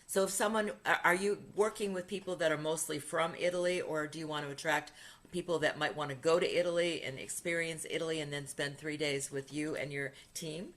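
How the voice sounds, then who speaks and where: Her low, steady voice has a fairly bright tone and a brisk pace as she hosts a casual podcast interview. A retreat leader as well, she stays chatty and upbeat. Her stories come with laughter.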